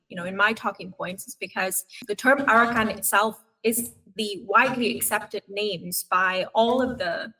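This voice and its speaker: A woman in her thirties from Burma, raised in Thailand, gives earnest interview answers. Her voice is bright and forward, at a middling pitch. She talks in a conversational way, with many fillers and self-corrections. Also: poor audio. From Burma (Myanmar), raised in Thailand. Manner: earnest, with frequent fillers and restarts. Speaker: guest, human rights activist.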